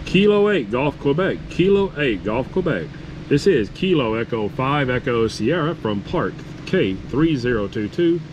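A man with a medium-pitched voice makes amateur radio calls in phonetic spelling, courteous and repetitive. He is outdoors, with clear steady noise around him. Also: unhurried, dull audio. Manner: courteous, repeats himself. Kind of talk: radio contest-style calling, phonetic spelling. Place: outdoors at a campsite table. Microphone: camera on the table beside the radio.

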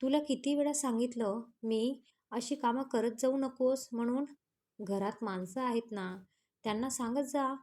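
Woman reading jealous hot-headed husband, raised demanding delivery, highish. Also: unhurried, warm tone. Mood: teasing. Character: possessive hot-tempered young husband.

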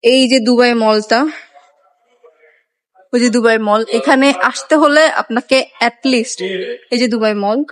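A woman's voice: on the high side, fairly even intonation, measured pace, long pauses. A young woman, chatting casually and wryly as she films a travel vlog on a phone held at arm's length in a glass skywalk. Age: young adult. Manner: chatty, wry, self-mocking about being lazy. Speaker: travel vlogger. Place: indoor glass skywalk with moving walkways.

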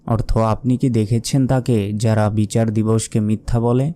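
A man teaching recitation, explaining pronunciation mistakes and then chanting the verses slowly in a raised tone. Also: on the low side, fairly even intonation, dark tone. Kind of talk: pronunciation lesson with slow drawn-out recitation.

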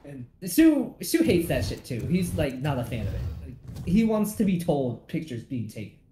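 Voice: medium pitch, moderate pace. A young adult streamer chatting casually, telling a story and acting out the people in it. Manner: animated, acts out quoted people mid-story. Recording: echoey room with faint noise.

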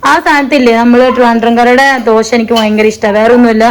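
A woman's voice: fairly high pitch, fairly even intonation, fast talker, noisy background. A young woman chatting casually through a home cooking vlog in her kitchen, rambling and laughing often, recorded on a phone. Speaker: vlogger. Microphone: phone camera.

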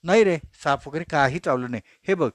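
A calm, steady friend who soothes and insists by turns, played by a male storyteller. The voice sits somewhat high and is recorded dry and close. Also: fairly quick, dry recording, lightly acted. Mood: reassuring. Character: calm reassuring man, the watching friend.

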